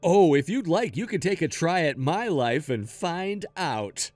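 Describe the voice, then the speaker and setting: A smug, scheming young husband wheedles and boasts, as a man plays him. His voice runs high with lively swoops in pitch. It is recorded dry and close. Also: measured pace, dry recording, faint music behind. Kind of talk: animated story voice acting.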